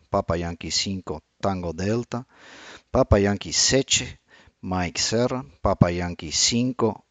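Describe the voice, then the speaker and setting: A man with a low voice and a Brazilian accent runs an amateur radio net. He reads out spelled call signs in roll-call fashion, in a dry sound with no room around it. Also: no echo.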